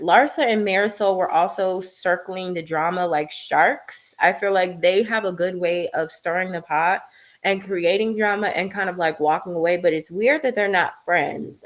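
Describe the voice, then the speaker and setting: A woman hosting a casual, blunt and gossipy recap of a reality TV show, talking with slang and lots of fillers. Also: mid-range voice.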